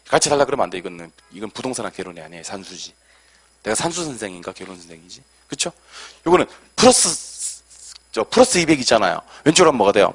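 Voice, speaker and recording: A man's voice: medium pitch, a bit bright, husky. A man teaching an exam-prep lecture, quizzing the class and answering his own questions, with joking asides. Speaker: real estate exam lecturer.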